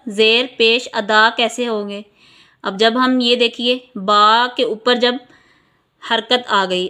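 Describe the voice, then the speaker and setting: A woman teaching a reading lesson, who asks each question and then answers it, drawing out each sound slowly. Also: fairly high pitch, sharp tone. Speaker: Quran teacher. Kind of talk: slow, patient teaching.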